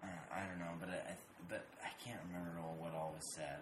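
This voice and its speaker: A man co-hosting a podcast, telling stories in casual chat, swearing a lot and acting out animated impressions. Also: low-pitched, quick pace. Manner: profane storytelling, animated impressions. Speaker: podcast co-host. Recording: roomy echo with clear background noise.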